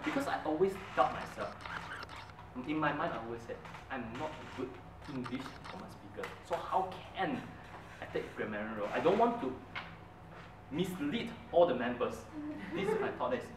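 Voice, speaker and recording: Speaking at moderate pace and medium pitch, a young adult club speaker from Brunei whose first language is Mandarin delivers a prepared speech as earnest, animated, emphatic storytelling with a lively rising-and-falling voice. He is recorded from a distance by a far camera in a roomy, medium-sized indoor meeting hall, with steady room hiss in the background.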